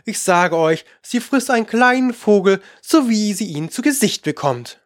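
A reader voicing a polite, curious young girl, eager and quick to apologise. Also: mid-range voice, expressive, no echo, studio quality, pitched above the performer's own voice, lightly acted.

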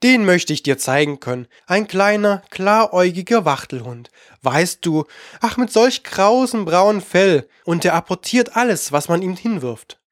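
A man's voice: high voice, expressive, a little slow, dry recording, studio quality. A man voicing a polite, curious young girl who talks eagerly and coaxingly.

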